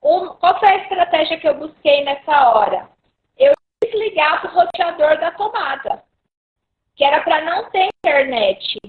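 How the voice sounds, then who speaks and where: A co-host with a high voice gives chatty tips in casual live-stream advice talk, explaining things conversationally with everyday examples. She sounds animated and speaks at normal speed, but the tinny video call audio is choppy and keeps cutting out.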